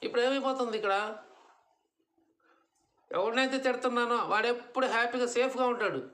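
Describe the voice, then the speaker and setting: This satsang speaker has a very high voice with a fairly bright tone and a fairly quick delivery. He gives a devotional talk in someone's home, tossing out rhetorical questions he then answers, with English words sprinkled throughout.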